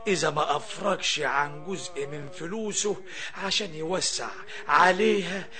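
A man's voice: a little high, moderate pace, bright, forceful tone. An actor with an Egyptian accent playing a talking banknote, a yearning captive who tells his tale to the audience in florid, plaintive narration. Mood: storytelling. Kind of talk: theatrical storyteller narration addressed to the audience.

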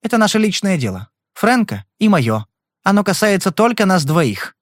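A man's voice: high voice, very animated, normal speed, no room sound, clean studio sound. A man playing a fierce, defensive wife. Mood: defiant. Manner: insistent, protective.

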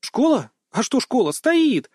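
A man voicing a chatty, cheeky teenage schoolgirl who teases with rapid-fire questions in an audiobook. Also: extremely high pitch, sing-song, a little mellow, slightly rough, dry recording, clean studio sound, pitched above the performer's own voice, heavily acted. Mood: teasing.

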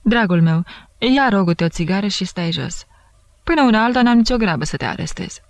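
A man's voice: high-pitched, lively intonation, no room sound, voice pushed up. A woman voicing a jovial male judge who talks in a familiar, bantering, disbelieving way. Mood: jovial, incredulous. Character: jovial, puzzled middle-aged male investigating judge.

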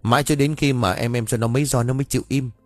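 A man's voice: mid-range voice, fairly even intonation, quick pace, no room sound, soft background music, close to an everyday voice. A man voicing a worried young village wife and mother in an audio ghost story, anxious and firm with her child.

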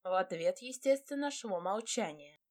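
A woman reading a romantic fantasy novel aloud in the first person, lively and expressive. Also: medium pitch, moderate pace. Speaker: audiobook narrator. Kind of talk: scripted first-person narration.

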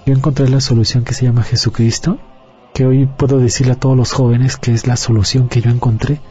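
A man's voice: medium pitch, level tone, brisk, dark tone, slightly rough. A man giving an earnest personal testimony as an interview guest. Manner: earnest, confiding storyteller. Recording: dull lo-fi audio, faint music.

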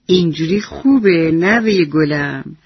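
A man voicing a gentle, husky old grandfather. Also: on the high side, dry recording, highs cut off. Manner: gentle, slow and tender. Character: kind, wise grandfather.

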